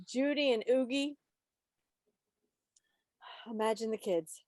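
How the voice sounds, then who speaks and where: A woman with a fairly high, darkish-toned voice hosts a trivia quiz on a video call for a club meeting, slowly paced and playfully teasing, with mock-dramatic asides. The recording is dry.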